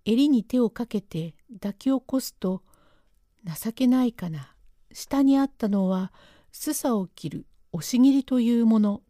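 A woman's voice: a little high, expressive, unhurried, mellow, no echo. Woman telling a classic tale, dry and close. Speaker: storyteller. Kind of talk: traditional comic storytelling narration.

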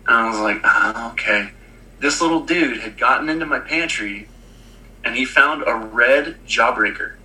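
Rambling bright-voiced man telling a story. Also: mid-range voice, normal speed, poor audio. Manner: rambling storyteller with many fillers and restarts. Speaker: podcast co-host. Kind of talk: casual chat.

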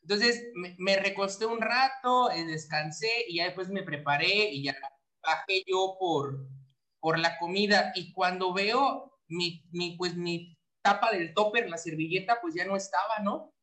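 A man's voice: high voice, measured pace. Self-pitying man recounting a story. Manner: self-pitying, animated retelling. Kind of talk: casual storytelling.

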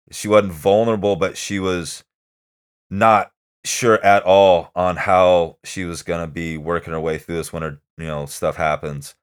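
A man with a very deep, smooth voice, chatting loosely about a film he enjoyed. He talks in a halting, meandering way, circling back and filling gaps with "um" and "like". The delivery is relaxed podcast conversation. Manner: rambling, halting, many fillers. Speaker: podcast movie reviewer. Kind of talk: casual chat.

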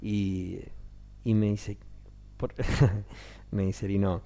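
In an extremely slow, low voice with vocal fry, a Rioplatense-accented stage actor in his thirties talks casually during an interview. He's an animated storyteller who voices the people he quotes.

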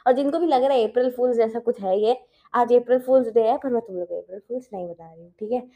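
A woman's voice: fairly high pitch, quick pace, highs cut off. A teenage girl chatting casually as the host of her own show, mixing in English phrases and laughing often, recorded at home. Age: teens. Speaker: podcast host. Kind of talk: casual chat.

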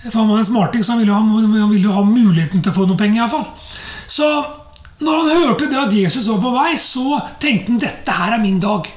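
A woman with a fairly high voice preaches a relaxed, conversational sermon. She talks loosely and casually, with lots of fillers and rhetorical asides. The room around her is echoey.

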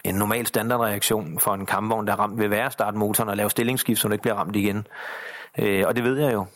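A middle-aged man telling a personal combat story in an interview, halting with many fillers and restarts. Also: on the low side, fairly even intonation. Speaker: interview guest, soldier. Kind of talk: personal war account in interview.

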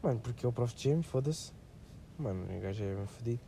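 A man's voice: mid-range voice, expressive, fast, vocal fry, dark tone, a little hiss or hum. A man with a European Portuguese accent chatting on a podcast, laid-back and slangy, rambling as he makes his points. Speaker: podcast guest. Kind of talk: casual banter.

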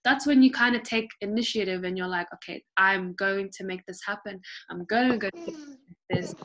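A woman's voice: medium pitch, normal speed, fairly bright tone. A woman hosting a casual chat, asking encouraging, upbeat questions.

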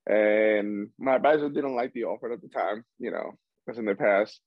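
This is a casual interview chat with a young baseball player from Cuba, whose voice sits on the low side at an ordinary pace. He rambles, frequently starts over and laughs, and the lo-fi recording has no room sound.

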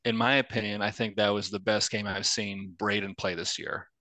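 A man, a former college player, telling lively stories as a podcast guest. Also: fairly low pitch, moderate pace, no echo. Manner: lively storyteller. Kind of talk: casual podcast chat.

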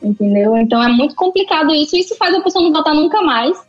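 High-voiced Brazilian woman, chatty. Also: rapid-fire, muffled recording, soft background music. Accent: Brazilian Portuguese. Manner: chatty, animated, many fillers. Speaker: photographer guest. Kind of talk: casual podcast chat.

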